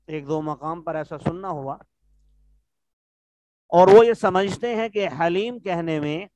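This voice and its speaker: A man's voice: high voice, darkish tone, dry recording. A man teaching an online religious lesson, patiently explaining Arabic words and checking in with his students.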